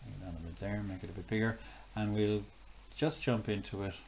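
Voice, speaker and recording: A man's voice: fairly low pitch, steady tone, brisk, darkish tone. A man teaching a recorded maths lesson, thinking aloud as he works examples and often correcting himself. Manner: thinks aloud, many fillers and self-corrections. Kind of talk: recorded classroom lesson, working examples on screen. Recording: dull lo-fi screen recording with faint noise.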